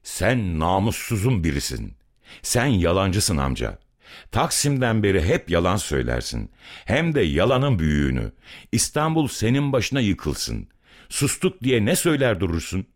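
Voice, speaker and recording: A man's voice: sits low, very animated, unhurried, a little mellow. A man voicing a bitter, angry young brick-kiln worker who is far from home, in a dramatic story reading. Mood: furious. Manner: bitter, accusing, heated.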